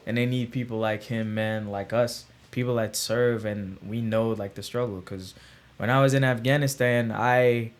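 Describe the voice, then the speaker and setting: Laid-back affirming podcast host, mid-pitched man. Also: normal speed. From Guyana. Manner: relaxed, affirming, lots of "man" and "like". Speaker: podcast host, military veteran. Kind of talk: casual podcast chat.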